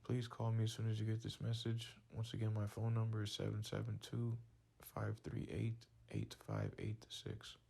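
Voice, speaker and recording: Gravelly man leaving a slow voicemail. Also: lowish voice, warm tone. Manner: slow and deliberate, spelling out details. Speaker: caller seeking a lawyer.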